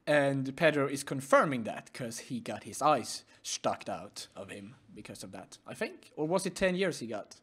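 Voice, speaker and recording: A man's voice: mid-range voice, animated, moderate pace, hardly any pauses, a bit bright, slightly rough. A man co-hosting a casual manga review who mostly chimes in with short agreements and playful asides. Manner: brief agreeing interjections, laughs easily, playful sound effects. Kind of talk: casual chat.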